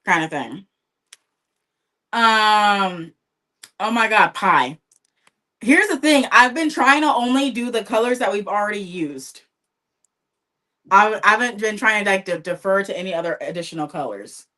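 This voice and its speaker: Bright-voiced chatty woman gossiping. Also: mid-range voice, a little slow, pauses often. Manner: chatty, gossipy, animated storytelling. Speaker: livestream co-host. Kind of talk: casual chat while painting. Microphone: livestream setup.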